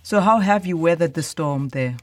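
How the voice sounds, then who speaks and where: Interviewer, supportive, murmured agreement, middle pitch, dry close sound. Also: expressive, normal speed, no room sound. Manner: supportive, frequent murmured backchannels. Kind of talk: casual interview talk.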